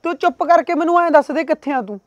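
A man's voice: extremely high pitch, fast, dry recording, dull audio. A man playing a pushy hot-headed young man. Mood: demanding. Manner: insistent, demanding, swearing. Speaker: son and temp worker.

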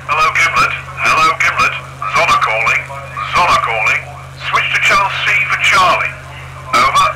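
Brief: a man doing a clipped wartime controller over crackly AM radio, higher-pitched. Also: lively intonation, normal speed. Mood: brisk. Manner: clipped radio procedure calls. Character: male British wartime radar controller on the radio. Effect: crackly AM radio transmission. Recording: radio static, heavy noise.

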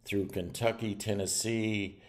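An older man preaching a stern warning sermon to camera from a small room at home, earnest and halting with restarts. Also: fairly low pitch, level tone.

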